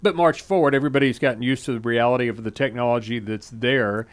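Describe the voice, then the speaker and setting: A man interviewing a new city staff member, asking questions and speaking haltingly, with many fillers. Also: medium pitch, steady tone. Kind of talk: conversational interview.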